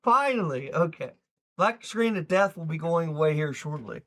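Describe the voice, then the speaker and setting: A man's voice: a little high, lively intonation, normal speed. Rambling male streamer chatting casually. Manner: loose, rambling, swears and talks to chat. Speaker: live streamer. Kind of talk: casual reaction stream chat.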